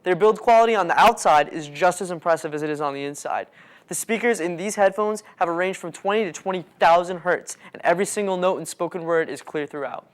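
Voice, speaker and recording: A man delivering a scripted infomercial sales pitch in a salesy, urging manner. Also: fairly quick. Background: music.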